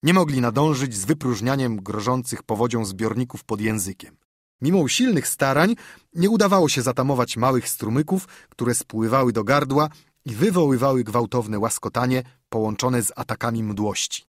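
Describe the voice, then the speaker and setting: A male audiobook narrator with a slightly husky voice and an animated, rising-and-falling delivery. He reads in a measured storytelling manner, recorded dry and close. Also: medium pitch, no room sound. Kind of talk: scripted narration.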